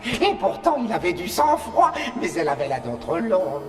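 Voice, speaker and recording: A man's voice: high voice, wildly swooping pitch, normal speed. A man voicing a mocking, theatrical undead horror host who relishes puns in a French cartoon dub. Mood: gleeful mockery. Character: ghoulish undead male storyteller, gleefully punning. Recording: long echoing reverb over music.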